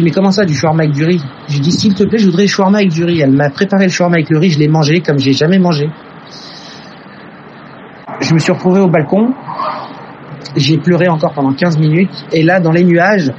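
A man's voice: fairly high pitch, slight background noise. Guy telling his own story, emotional and earnest, kinda dull lo-fi recording. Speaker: testimony teller. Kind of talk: personal testimony.

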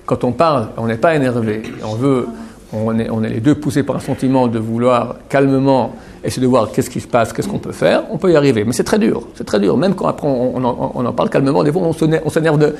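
A man giving a religious lesson to a class and taking questions, animated and often checking in with his listeners. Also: medium pitch, quick pace, gravelly. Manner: animated, keeps checking in with "d'accord?"; repeats and restarts words while explaining. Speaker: religious teacher.

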